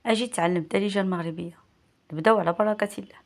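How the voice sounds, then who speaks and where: Moroccan woman reading vocabulary lists. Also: medium pitch. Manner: slow, clear, repeats each word with its standard equivalent. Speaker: language teacher.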